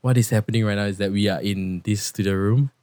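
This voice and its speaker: A man's voice: fairly low pitch, steady tone, fast talker, mellow, dry recording. Young Singaporean man, close dry sound. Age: young adult. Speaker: podcast host. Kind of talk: casual chat and personal storytelling. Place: podcast studio.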